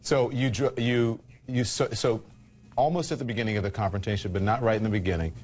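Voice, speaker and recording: Male news interviewer, lowish register, halting questions that get reworded midway. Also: fairly even intonation, darkish tone, soft background music.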